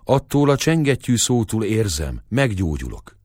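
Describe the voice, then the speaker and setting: A frail young peasant lad, sick and hopeful, speaking weakly and pleadingly, as a male reader gives him voice. The voice sits low with lively pitch movement. The sound is dry and close. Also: dry recording.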